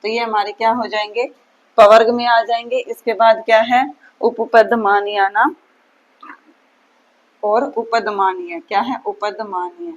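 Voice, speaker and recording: Female teacher, higher pitch, drawn-out demonstrated sounds, muffled lo-fi recording. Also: steady tone. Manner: repeats her own questions and answers them. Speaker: Sanskrit grammar teacher. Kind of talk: exam-prep lesson.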